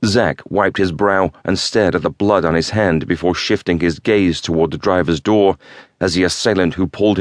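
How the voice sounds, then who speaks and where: A man narrating a thriller audiobook in a measured, steady storytelling manner. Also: deep voice, dry recording, studio quality.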